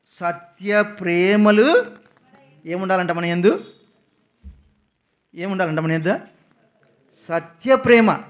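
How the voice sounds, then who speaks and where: High-voiced male preacher quizzing his flock. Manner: keeps asking the congregation questions and answering them himself; repeats key words with sudden loud emphasis. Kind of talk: sermon. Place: prayer house.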